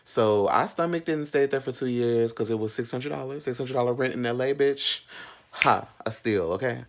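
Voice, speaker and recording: Speaking at a moderate pace with a medium-pitched voice, a man in his thirties shares a personal story. It's a casual, animated storytime chat, sassy, slangy, candid and packed with asides.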